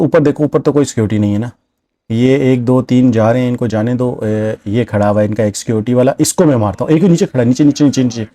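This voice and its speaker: Fast-talking man calling a game live. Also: medium pitch, dry recording, rough recording. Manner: excitable, narrates the action play by play with many repetitions. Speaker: gameplay commentator. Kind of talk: let's-play game commentary.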